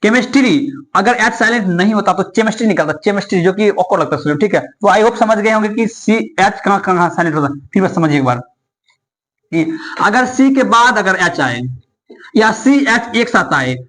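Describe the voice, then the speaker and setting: High-voiced man teaching English. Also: expressive, moderate pace, a bit bright. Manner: repetitive, asks and answers his own questions. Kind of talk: classroom-style explanation.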